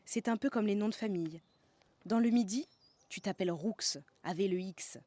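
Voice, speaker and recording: A woman's voice: medium pitch, moderate pace, mellow, no echo. A woman from the south of France, narrating a scripted podcast as host in a playful way, savouring slang words.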